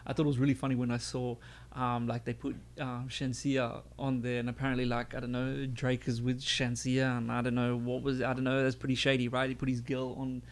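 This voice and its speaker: A man's voice: mid-range voice, completely flat delivery, brisk, hardly any pauses. Casual male radio host, frequent okays. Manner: asks questions with frequent okays. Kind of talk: casual interview. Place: radio studio.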